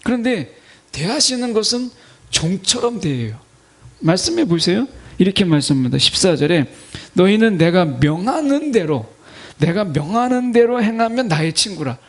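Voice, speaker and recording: A husky man in his fifties preaches in a high voice whose pitch swings widely. He keeps putting rhetorical questions to his congregation. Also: sing-song, moderate pace. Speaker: pastor. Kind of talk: sermon. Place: church sanctuary.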